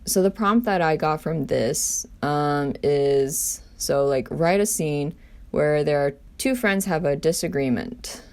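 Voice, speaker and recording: A woman with a low, slow, slightly mellow voice casually presents scenes she has written, mixing casual chat with reading from her script. She comes across as hesitant and self-deprecating.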